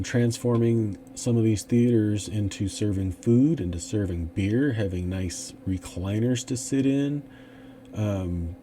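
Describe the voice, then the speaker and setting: Man, unhurried casual stock talk, dark mellow voice, lots of ums and restarts, faint hum behind. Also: lowish voice. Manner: rambling, many fillers and restarts. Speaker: investing channel host.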